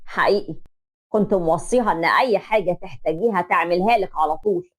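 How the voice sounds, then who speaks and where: A woman voicing a stern, protective middle-aged father with an Egyptian accent, speaking in a grave, measured way in a told story. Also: lowish voice, pitched below the performer's own voice, natural voice. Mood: firm, stern.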